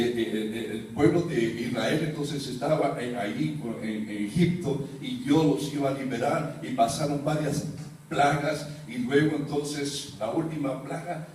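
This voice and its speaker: A pastor delivers a sermon, teaching his congregation and asking them questions. His voice sits at a medium pitch with a slightly mellow quality. The recording has a roomy echo, a distant mic, and faint room noise.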